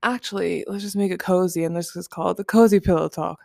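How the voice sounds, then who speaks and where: Young woman host, early twenties, low gravelly voice with vocal fry, rambling casual chat, dry close sound. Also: fairly even intonation, fast, a little mellow, no room sound. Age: 20s. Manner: rambling, chatty, many "like" and "you know". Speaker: podcast host. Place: living room at home.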